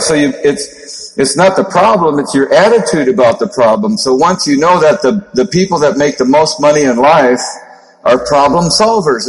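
Man, Minnesota accent, 50s, monotone, seminar speaker, long echoey hall reverb. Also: mid-range voice. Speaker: network marketing trainer. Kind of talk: motivational seminar talk.

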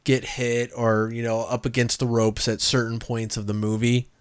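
A man casually talking through a movie review with a co-host, rambling and animated, with lots of filler words. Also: mid-range voice, moderate pace, clear, resonant tone. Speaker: podcast co-host.

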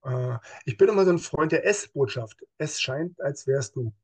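Husky male guest, fairly high pitch, lively, acts out quotes, police officer type. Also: moderate pace. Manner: lively, acts out quoted speech in other voices; explains with everyday examples. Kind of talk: casual interview talk.

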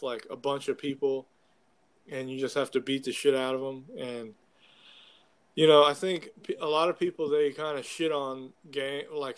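A young man in casual conversation, talking like a frat bro with loose slang and plenty of swearing. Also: mid-range voice. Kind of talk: casual chat about video games.

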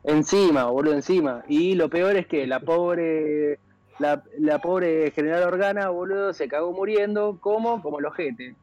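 Excitable young Argentine man, high voice. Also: normal speed, lo-fi sound. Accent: Argentine Spanish. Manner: excitable, swears a lot, voice jumps high when worked up. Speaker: panelist. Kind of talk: casual heated debate.

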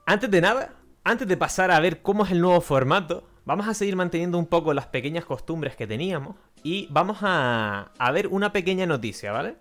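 A man's voice: on the high side, expressive, fairly quick, hardly any pauses, fairly bright tone. A man from hosting a casual live-streamed podcast, chatty and jokey, often restarting his sentences. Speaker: podcast host. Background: faint background music.

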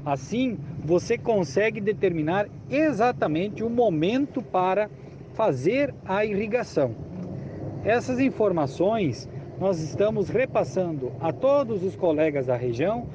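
High-pitched man, noisy dull recording. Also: big pitch swings, measured pace. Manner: formal, instructive. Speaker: agricultural extension specialist. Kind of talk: explanatory technical advice to farmers. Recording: dull lo-fi, clearly noisy with outdoor vehicle sounds.

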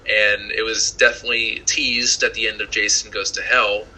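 A man joining a casual podcast chat, talking in a relaxed, easygoing way. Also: on the low side, normal speed, low-quality recording.

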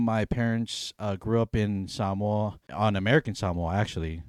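Young guy from hawaii, low voice, chill rambling podcast chat, dry close mic. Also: darkish tone, no room sound. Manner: easygoing, talkative, frequent "you know". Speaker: podcast co-host. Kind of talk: casual chat.

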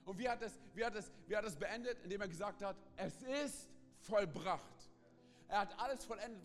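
A pastor preaching an emphatic sermon at a church service, breaking in often with quick asides to the congregation. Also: male voice, sits high, in a large hall. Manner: emphatic, with frequent "hey" and "ganz kurz" interjections.

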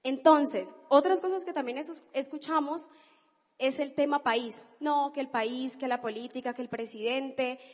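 Woman, Colombian accent, high voice, enthusiastic, emphatic, motivational business speech, echoing convention hall. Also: measured pace, darkish tone. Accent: Colombian (Cali). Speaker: business speaker. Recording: reverberant hall.

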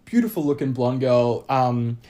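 A man's voice: mid-range voice, moderate pace. A young adult man with an Australian accent, telling a long story in casual chat, rambling with many fillers and acting out other people's lines. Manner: rambling, animated storytelling with lots of fillers and acted-out quotes. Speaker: podcast guest.

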